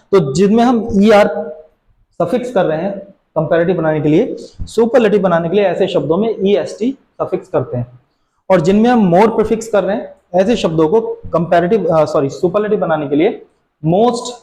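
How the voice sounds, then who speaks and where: A teacher with a high, mellow voice walks students through grammar rules, often asking a question and then answering it himself. His voice carries the echo of a bare room. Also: expressive, normal speed. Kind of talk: classroom grammar lesson.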